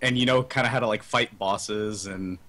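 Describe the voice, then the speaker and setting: Hesitant, bright-voiced man in casual chat. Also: fairly low pitch, steady tone, normal speed. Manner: hesitant, hedges with many fillers and restarts. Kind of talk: casual chat over a video call.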